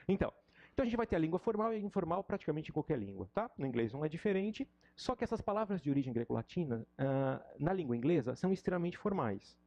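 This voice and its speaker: Brief: middle-aged Brazilian man, English teacher, gravelly and dark, teasing. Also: fairly high pitch, fast, dull audio. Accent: Brazilian Portuguese. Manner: animated and joking, mocks students. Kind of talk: informal lesson chat.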